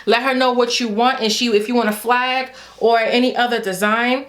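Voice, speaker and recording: Addressing her viewers as y'all, a young adult Haitian beauty vlogger chats playfully in a casual hair video, her Haitian accent clear. Her voice is fairly high and bright, steady in tone, at a normal speed.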